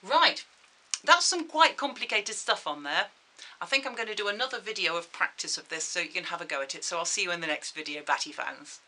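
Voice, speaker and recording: A woman's voice: on the low side, expressive, brisk, sharp tone, poor audio. A woman giving a video maths lesson, explaining each step patiently and checking in with her viewers. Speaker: maths teacher.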